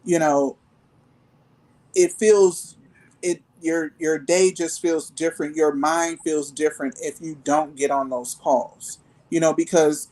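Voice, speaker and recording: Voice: mid-range voice, fairly even intonation, takes it slowly, mellow, rough recording. A guest in a live online group discussion who speaks thoughtfully and hesitantly, with many filler ums.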